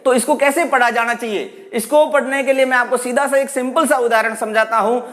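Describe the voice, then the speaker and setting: A man's voice: very high-pitched, fairly even intonation, brisk, fairly bright tone. A man giving a patient spoken lesson on pronunciation, explaining rules and demonstrating sounds aloud. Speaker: Hindi pronunciation teacher.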